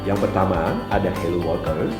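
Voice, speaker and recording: A man's voice: deep voice, expressive, a little fast, roomy sound, over music. A man presenting a channel with an upbeat announcing style. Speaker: channel host. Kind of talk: promotional announcement.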